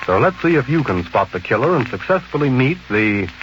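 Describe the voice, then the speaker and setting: A man playing a sly, ghoulish host in the theatrical, deliberate manner of a vintage horror radio narrator. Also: medium pitch, big pitch swings, slight background noise. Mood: sly, ominous. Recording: muffled old radio, loud music behind.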